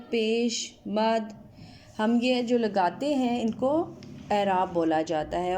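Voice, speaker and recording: A woman teacher from Pakistan giving an online Urdu lesson to students, drawing out each word slowly as she spells it. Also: fairly high pitch, a little mellow. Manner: slow, drawn-out spelling of words. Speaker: school teacher.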